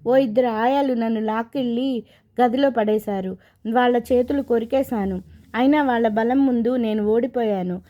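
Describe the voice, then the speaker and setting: A woman's voice: fairly high pitch, normal speed, mellow, natural voice. Sorrowful young husband, as a woman reads him. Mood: grieving. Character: grieving young married man, haunted by past.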